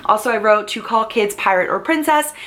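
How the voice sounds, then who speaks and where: Speaking to camera, a young woman vlogger runs briskly through her prepared notes in an upbeat way. Her voice is a bit bright, and she raises her pitch whenever she opens a new point.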